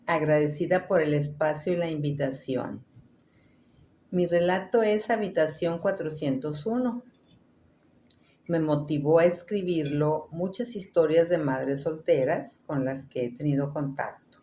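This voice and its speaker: A woman author speaking about her writing in a composed, deliberate way over a video call. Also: low voice, mellow, slight background noise.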